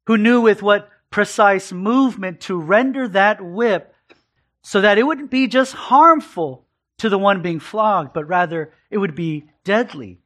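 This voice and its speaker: A man's voice: high voice, measured pace, a bit bright. A man preaching an earnest expository sermon, emphatic and given to repeating phrases for weight. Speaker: pastor.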